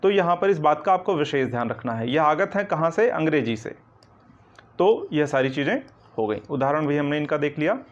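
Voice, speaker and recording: A man's voice: fairly high pitch, animated, normal speed. A man teaching Hindi grammar in an online coaching lecture. He explains step by step, keeps checking "ठीक है ना" and asks the class questions before answering them himself. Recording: dull lo-fi recording.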